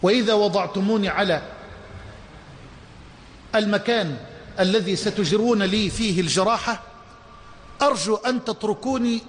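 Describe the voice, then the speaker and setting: A man with an Egyptian Arabic accent voicing a pious, gentle old man in a sermon story, speaking earnestly. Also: sits high, big-room sound, natural voice. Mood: gentle pleading.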